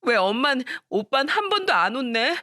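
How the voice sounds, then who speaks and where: A woman's voice: big pitch swings, normal speed, pushed and bright, dry recording, studio quality, heavily acted. A woman voicing a hurt young schoolgirl who complains tearfully to her mother, in a storytelling radio show. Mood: tearful pleading. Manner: high, pleading and tearful.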